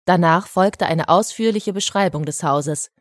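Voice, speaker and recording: Calm woman narrating a storybook. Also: fairly low pitch, measured pace, no room sound, studio quality. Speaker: audiobook narrator. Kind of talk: scripted narration.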